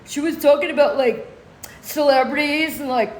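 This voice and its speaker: A woman mimicking a hesitant man answering a judge, halting and full of fillers. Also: very high-pitched, roomy sound, voice pushed up, low-quality recording. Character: mumbling hesitant man in court.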